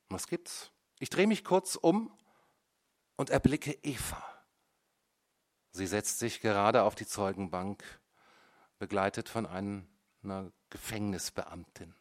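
A man reading a novel aloud in measured, dramatic first-person narration. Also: deep voice. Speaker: audiobook reader. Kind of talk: scripted literary narration.

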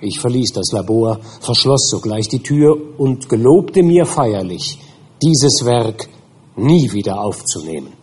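A man reading a classic novel aloud as an audiobook, in measured, grave first-person narration. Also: mid-range voice, animated, a little mellow, husky. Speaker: audiobook reader.

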